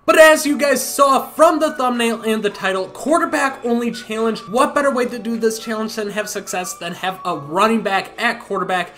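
A young man hosting a gaming channel, giving loud, joking, profane and rambling video game commentary. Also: sits high, moderate pace, few pauses.

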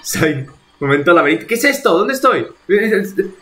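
A man's voice: high-pitched, big pitch swings, moderate pace, bright, forceful tone, soft background music. A man from streaming a video game live, talking to himself in exasperated bursts and swearing as he plays. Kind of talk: live gameplay commentary.

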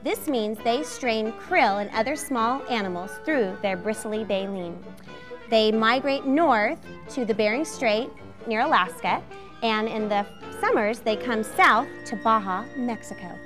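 A woman's voice: a little high, lively intonation, a little slow, music in the background. A woman presenting a scripted educational fact segment on a children's show. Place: TV studio set.

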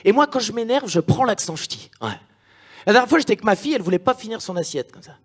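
A high-voiced man from France performs a stand-up comedy set. He talks in a quick, chatty way and keeps tagging his lines with "hein". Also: lively intonation, slightly rough.

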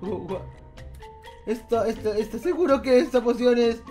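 A man's voice: very high-pitched, moderate pace, mellow. A man hosting a Minecraft roleplay, talking in an exaggerated, dramatic way with lots of groans and exclamations. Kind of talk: playful game roleplay narration. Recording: music playing behind. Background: game music.

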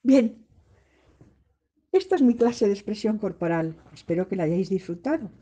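A woman teaching a body-expression class, guiding her students step by step through an acted scene in a deliberate, instructive way. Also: mid-range voice, lively intonation, dark tone, slightly rough. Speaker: drama teacher.

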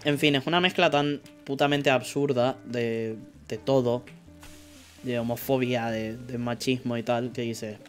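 A man's voice: medium pitch, fairly even intonation, unhurried, a bit bright, soft background music. A man from streaming a cooking game, chatting casually and muttering order items under his breath, swearing when frustrated. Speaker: gameplay streamer. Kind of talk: casual commentary while playing.

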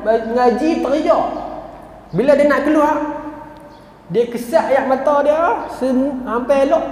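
A man with a northern Malaysian accent giving a storytelling religious lecture, speaking straight to his audience. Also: extremely high pitch. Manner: animated storyteller, acts out quoted voices, addresses audience directly. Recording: very echoey hall, long reverb, faint noise.

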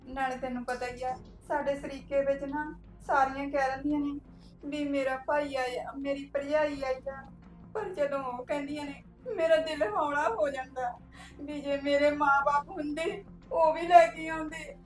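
A woman's voice: high-pitched, fairly even intonation, moderate pace, soft background music, lightly acted. An actress playing a young married woman who tearfully pleads with her brother and sister-in-law. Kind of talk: village drama acting.

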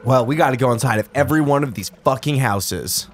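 A young man cursing and joking excitedly while commentating a fighting game with a friend. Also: mid-range voice, quick pace, slight background noise. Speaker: let's play co-host. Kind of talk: casual gameplay commentary.

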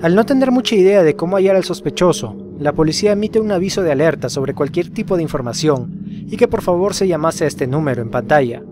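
Animated and fast, a man with a fairly high voice recounts a scripted horror case while music and other background noise play behind him. He narrates a horror explainer video, storyteller-style, asking the listener rhetorical questions.

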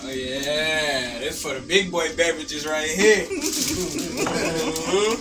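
A man's voice: on the high side, slow pace. A young man in a small office break room, chatting in laid-back slang and laughing as he opens gifts. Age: young adult. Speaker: birthday celebrant at work. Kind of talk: casual chat. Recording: noisy phone recording from a distance.

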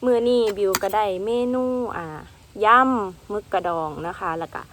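A woman's voice: medium pitch, normal speed, darkish tone. Chatty young woman with an Isan accent. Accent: Isan Thai. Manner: chatty, mixes Central Thai with Isan words. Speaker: food vlogger. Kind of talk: casual eating vlog chat. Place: outdoors in the countryside in the afternoon.

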